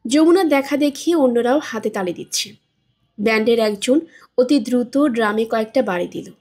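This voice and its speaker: A woman narrating a novel as a storyteller, steady and expressive. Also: fairly high pitch, moderate pace. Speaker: storyteller, audiobook reader. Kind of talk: novel reading.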